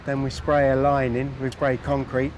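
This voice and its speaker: A man's voice: mid-range voice, level tone, moderate pace, slight background noise. A man working as an engineer, giving informal technical explanations in a documentary. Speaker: tunnel engineer. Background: prominent background music.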